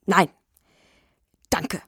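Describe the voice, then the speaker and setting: A woman voicing a stout, suspicious middle-aged male building official who speaks gruffly and with mounting indignation. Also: extremely slow, dry recording, clean studio sound.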